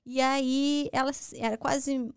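A young Brazilian woman with a Brazilian Portuguese accent, a talk show guest telling her story in animated, casual conversation with frequent restarts. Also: high voice, takes it slowly, smooth, no room sound.

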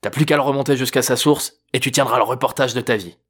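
A man voicing a rough, hot-tempered tough guy in an audiobook, talking in crude threatening slang. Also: mid-range voice, quick pace, fairly bright tone, a little hiss or hum, close to an everyday voice. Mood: menacing.

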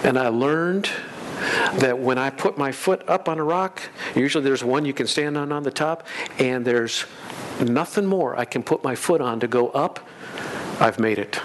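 Folksy American preacher, noisy rumbling recording. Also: male voice. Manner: folksy, unhurried, repeats phrases for emphasis. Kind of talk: storytelling sermon.

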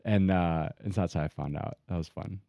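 A man's voice: deep voice, a little fast, vocal fry, no echo, highs cut off. A man hosting a casual in-person chat, telling stories in a joking way and laughing often. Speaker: podcast host. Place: in person, indoors.

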